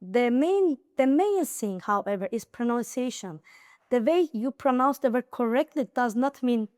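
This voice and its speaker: Speaking with an Azerbaijani Nakhchivan accent, a young woman from that region of Azerbaijan appears as an interview guest and IELTS high scorer in a casual conversation. Her fairly high voice is smooth, resonant and a little mellow, and she is expressive at a moderate pace, advising earnestly with many fillers and restarts. The recording is dry and of studio quality.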